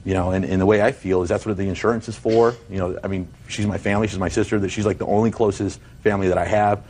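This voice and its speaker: A man's voice: fairly low pitch, steady tone, quick pace, a little mellow, a little hiss or hum. A man testifying as a defendant in a TV court, rambling, repeating himself and defending himself. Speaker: defendant in a TV small-claims court. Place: TV courtroom studio.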